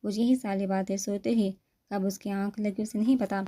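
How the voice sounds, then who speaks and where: A woman reading a romantic novel aloud in steady, unhurried narration. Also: mid-range voice. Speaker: novel reader.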